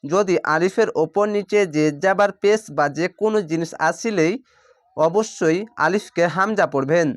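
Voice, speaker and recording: Male teacher with a Bangladeshi Bengali accent, high voice, dry close mic, patient, repeats every rule. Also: no room sound. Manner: patient, repeats rules, drawls out words slowly. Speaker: Quran reading teacher. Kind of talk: step-by-step recitation lesson.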